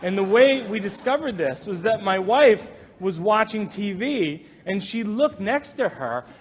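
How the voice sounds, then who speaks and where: A man doing stand-up storytelling in a wry, animated, self-deprecating way. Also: high voice, measured pace, long reverb tail. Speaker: stand-up comedian.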